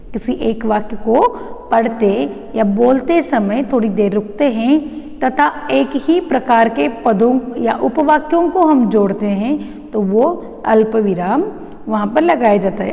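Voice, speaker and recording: Woman teacher, high voice, patient explainer with a long room echo. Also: gravelly, warm tone. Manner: explains patiently, addresses students as children, checks understanding with questions. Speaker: school Hindi teacher. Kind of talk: online classroom lesson.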